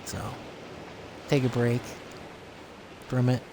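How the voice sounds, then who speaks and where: A man's voice: medium pitch, completely flat delivery, slow pace, background noise. A man casually commenting while streaming a video game, rambling and thinking aloud. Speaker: let's-play streamer.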